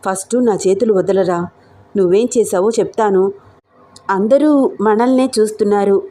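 A woman voicing a quick-tempered young woman student, speaking in a sulky, reproachful way. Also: medium pitch, dark tone, natural voice. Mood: annoyed.

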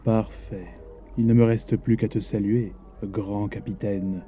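Sly menacing gentleman from a spoken tale, man voicing him, low voice, very dark tone, soft music under. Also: fairly even intonation, measured pace, close to an everyday voice. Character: sinister tall supernatural gentleman, calm and sly.

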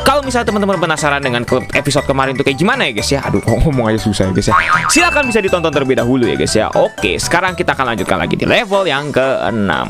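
A young man casually commentating a video game, excitable, exclaiming and laughing often while talking to his viewers. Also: medium pitch. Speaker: gaming YouTuber. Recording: loud game music behind voice.

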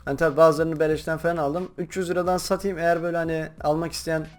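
A young man chatting casually while playing a game, rambling to his viewers and breaking into loud excited shouts. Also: fairly high pitch, racing, soft background music. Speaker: gaming YouTuber. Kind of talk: casual gameplay commentary.

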